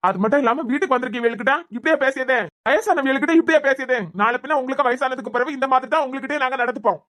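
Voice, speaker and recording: A woman's voice: sits high, a bit bright. A woman voicing an outspoken young woman in a cartoon serial, in a Kanyakumari Tamil accent. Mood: blunt. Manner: blunt, quick arguing.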